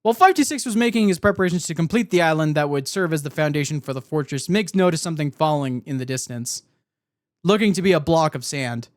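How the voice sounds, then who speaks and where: A man's voice: fairly high pitch, animated, quick pace, no room sound, studio quality. A man telling lore as a streamer, with casual asides and a hesitant, self-correcting delivery. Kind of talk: live storytelling with casual asides.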